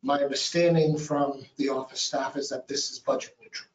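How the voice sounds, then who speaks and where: A man's voice: mid-range voice, little pitch movement, a little fast. A man with a Boston accent, a development authority director, politely presenting a hiring request to commissioners. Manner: polite, formal. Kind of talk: presenting a request at a public meeting. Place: county meeting room. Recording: distant, echoey, dull audio with faint noise.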